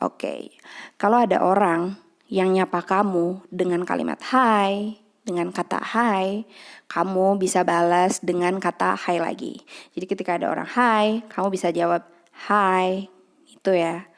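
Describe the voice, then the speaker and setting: A woman's voice: fairly low pitch, steady tone. Chatty young woman teaching English. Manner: chatty, repeats example phrases slowly. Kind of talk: casual online lesson.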